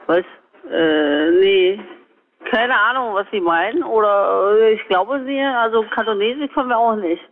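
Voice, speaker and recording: A man's voice: sits high, a little slow. A man working at a restaurant answers a call over the phone, sounding puzzled, polite and hesitant. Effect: heard over a phone line. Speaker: restaurant staff taking a call. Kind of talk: phone conversation. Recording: tinny phone line with faint hiss.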